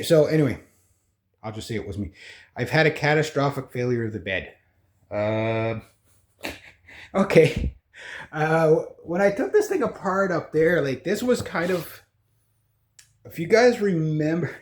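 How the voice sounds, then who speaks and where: A man chatting casually and haltingly as he gives a rambling, informal house-tour vlog. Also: a little high. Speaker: vlogger. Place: indoors in an old house room. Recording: echoey bare room.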